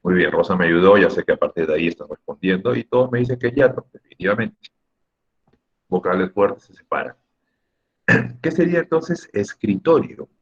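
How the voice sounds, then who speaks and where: A man's voice: sits low, lively intonation, moderate pace, husky, dull audio. A man teaching an online class, patiently explaining step by step and putting questions to the students. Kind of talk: online class on Spanish grammar. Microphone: computer mic on a video call.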